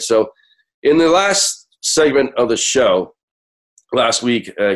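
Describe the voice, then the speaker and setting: An American man hosting a radio show, sick and hoarse, his voice cracking as he talks conversationally to listeners. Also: on the low side.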